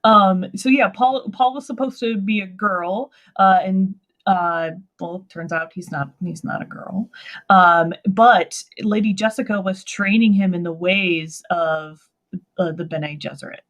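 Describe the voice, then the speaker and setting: A woman's voice: mid-range voice, unhurried, fairly bright tone, highs cut off. A woman hosting a casual book discussion, chatty and hesitant, with many fillers as she recalls chapters. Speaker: host.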